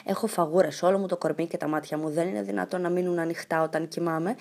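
A woman voicing a bold, cheerful, eccentric little girl in a storybook reading, with a lively, bright and playful manner. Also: fairly low pitch.

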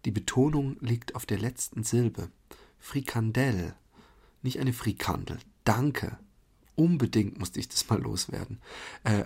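A man's voice: mid-range voice, darkish tone, breathy edge. A man from Germany hosting a podcast, talking in a chatty, rambling monologue full of fillers and restarts. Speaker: podcast host. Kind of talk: casual monologue.

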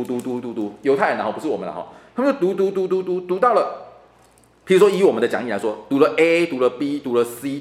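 Animated man teaching Bible class. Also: on the high side, roomy sound. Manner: animated, repeats words for emphasis, chatty fillers. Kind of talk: lively classroom Bible lecture. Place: church classroom.

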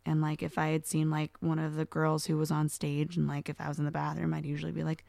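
Young woman co-host, gravelly, dark tone, loose chatty delivery. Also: low-pitched, monotone, fast talker, dry recording. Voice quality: gravelly, dark voice, rambling with many fillers. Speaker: podcast co-host. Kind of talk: casual chat.

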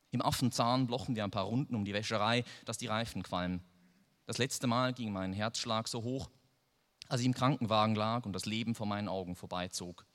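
A man's voice: mid-range voice, a bit bright. A man reading a first-person story aloud in a dry, wry manner. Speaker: narrator. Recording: long reverb.

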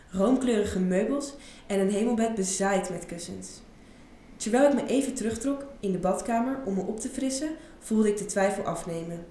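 A woman's voice: mid-range voice, darkish tone. Young woman reading an intimate story, echoey.

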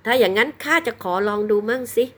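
A woman's voice: a little high, quick pace, pitched above the performer's own voice, close to an everyday voice. A woman voicing a cheerful, generous wealthy man in a folk tale, speaking heartily. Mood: hearty.

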